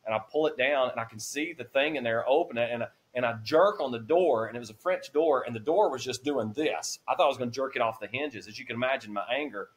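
A man's voice: mid-range voice, fast talker, hardly any pauses. A man in his forties on a podcast, telling a personal faith testimony with earnest feeling, his voice rising when he is moved. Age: 40s. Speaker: podcast guest. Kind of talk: emotional testimony.

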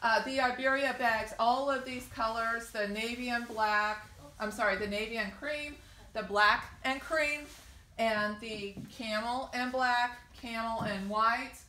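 A boutique owner in her forties chats upbeat through a casual sales walkthrough video, starting at the shop doorway outside and moving into the store. Her voice is on the high side, fairly even and unhurried, with a sharp tone, and she fills it with ums and gushing praise. The recording sounds roomy, with faint background noise.

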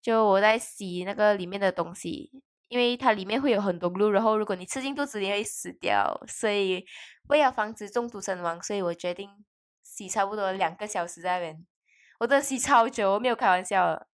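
A woman's voice: medium pitch, a little fast. A young woman doing a casual, rambling and playful vlog voice-over, mixing in English words. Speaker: video creator.

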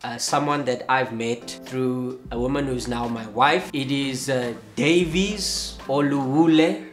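Young male host from South Africa; measured, sincere delivery, light music bed. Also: medium pitch, echoey room. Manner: measured and earnest, many quiet affirmations. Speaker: interview host. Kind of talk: interview hosting. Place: bright studio room with plain wall.

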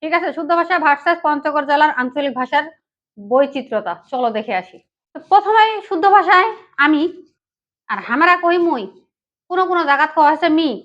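A woman's voice: high voice, animated, fast, a bit bright, muffled recording. A woman from Panchagarh, Bangladesh, speaking with a Panchagarh regional Bengali accent in a chatty, casual vlog, talking straight to her viewers. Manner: chatty, addresses viewers directly. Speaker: vlogger.

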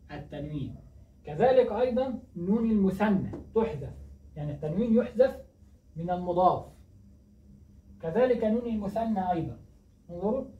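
This grammar lesson comes from a teacher whose medium-pitched voice is mellow; he keeps asking questions, supplies the answers and repeats important words. It sounds distant, dull and echoey, with a little noise underneath.

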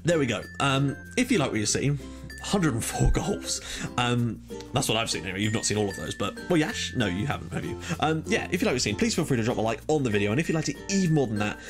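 Excitable young Englishman commenting on his game. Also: medium pitch, very fast, music in the background. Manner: animated, swears, exclaims at the game. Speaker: gaming YouTuber.

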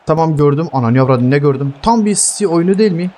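A young man giving heated live gameplay commentary, swearing constantly and yelling at his teammates. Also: a little high, lively intonation, fast. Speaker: gaming streamer.

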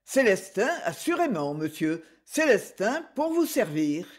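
Woman doing a ceremonious polite gentleman, breathy voice, slow, lively pitch, audiobook. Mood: solemn courteous. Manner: ceremonious, overly courteous.

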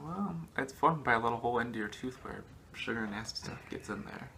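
A man's voice: mid-range voice, animated, quick pace, gravelly, pushed and bright, slight background noise. A young man co-hosting a video in a casual, playful back-and-forth debate. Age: young adult. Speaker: video co-host. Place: small living room, indoors on a sofa. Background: music.

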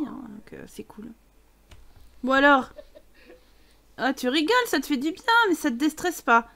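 Young woman gamer with a high voice, chatty, grumbles at her sims. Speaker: gaming YouTuber. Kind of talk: casual let's play commentary.

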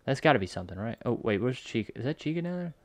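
Gamer guy, mid-pitched, eager backseat commentator with lots of laughs; dry, close recording. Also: rapid-fire, no room sound. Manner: excitable, laughs often, backseat directing. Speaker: let's play co-host. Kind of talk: casual gaming commentary.

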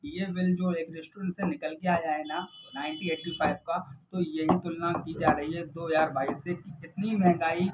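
A young man chats animatedly to a phone camera held close in a small room. His voice sits a little high. A faint hiss of room noise lies under him. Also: normal speed, hardly any pauses. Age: 20s. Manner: chatty, animated, loud opening hook. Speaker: vlogger. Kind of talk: casual news vlog to camera. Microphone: camera or phone in front of face.

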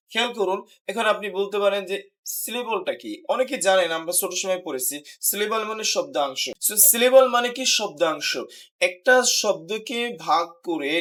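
A man teaching an English pronunciation lesson, explaining patiently and repeating example words slowly for practice. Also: high voice, fairly bright tone.

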